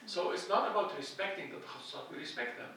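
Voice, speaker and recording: A middle-aged Egyptian man lectures from a lectern in a hall with a projected slide, earnest and thinking aloud, often restarting. His voice is high, expressive, fast, pushed and bright, picked up by a handheld mic and filmed from a distant camera, so it sounds echoey and far off with slight background noise.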